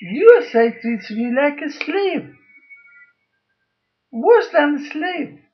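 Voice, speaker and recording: Man, very high pitch, slow deliberate emphatic delivery, personal appeal to camera; muffled lo-fi recording. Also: very animated, a little hiss or hum. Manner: emphatic and repetitive, halting phrases, holds up documents. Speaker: father making a video appeal.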